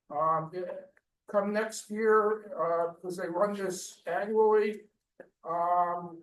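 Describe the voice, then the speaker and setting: A man with an American accent giving a member's report at a veterans' meeting, loose and rambling with frequent ums. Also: high-pitched. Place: meeting hall. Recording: echoey room, voice from far off.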